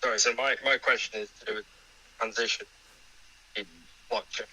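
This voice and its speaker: A man calling into an online session to ask a question, his call audio glitching and breaking up so his quick phrases drop in and out. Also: lowish voice, steady tone, bright, forceful tone, breathy edge. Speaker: caller asking a question. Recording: distant, choppy online call line.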